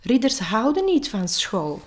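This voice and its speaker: A woman voicing a small, curious and stubborn boy knight in a read-aloud storybook, shouting defiant no's. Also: fairly high pitch, very animated, a little slow, voice pushed up.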